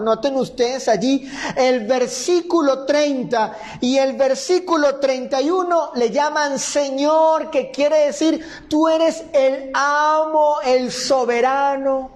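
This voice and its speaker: A man's voice: extremely high pitch, a little slow, darkish tone, rough recording. A man teaching a Bible lesson, reading scripture and then explaining it point by point to his listeners. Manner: addresses listeners as brothers.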